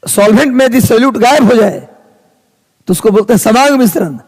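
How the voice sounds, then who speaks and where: Male teacher, husky, high voice, casual classroom banter. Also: brisk, a little mellow. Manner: chatty, teasing students in rustic Hindi. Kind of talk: live classroom lesson. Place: classroom with students. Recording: long reverb of a hall.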